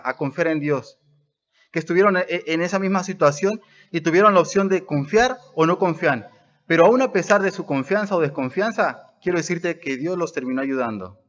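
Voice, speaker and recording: A male pastor preaches a sermon with a fairly high voice, leaning hard on key words and then letting his voice sink low for emphasis. The recording sounds dull and muffled, like a lo-fi capture of a church service. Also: a bit bright. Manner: emphatic, rising and dropping for stress.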